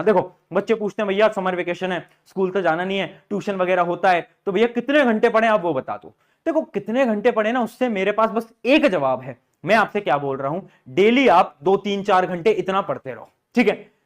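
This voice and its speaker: High-voiced young man giving study advice. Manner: talks directly to students, answers his own questions. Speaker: study guidance youtuber. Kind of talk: motivational study advice to students.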